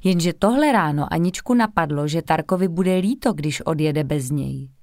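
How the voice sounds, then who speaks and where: A woman calmly reading a children's storybook aloud. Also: low voice, no room sound, studio quality.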